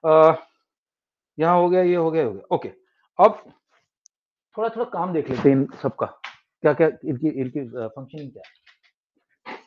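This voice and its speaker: A man's voice: a little high, unhurried, long pauses. A middle-aged man with an Indian English accent teaching a science class step by step, switching between Hindi and English and often restarting his sentences. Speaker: science tutor. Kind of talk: classroom lecture. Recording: dull lo-fi sound.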